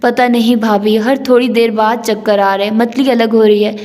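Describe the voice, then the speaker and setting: Sulky, innocent young bride for an audiobook romance, played by a woman narrator: high, slow and sweet; hall echo. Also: flat delivery, a little mellow, natural voice. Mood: weary. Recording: long hall reverb.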